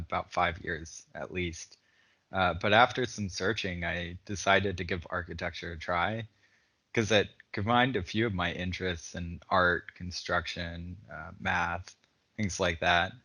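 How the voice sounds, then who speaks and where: Deep-voiced young man, bright tone. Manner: relaxed, casual, with fillers. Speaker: architecture student. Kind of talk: panel discussion answers.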